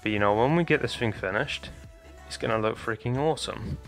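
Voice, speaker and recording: Here a young man creating Minecraft building tutorials talks his viewers, whom he calls "guys," through the process at a brisk clip. His mid-range voice is slightly hoarse, as though he's losing it, and faint music plays in the background.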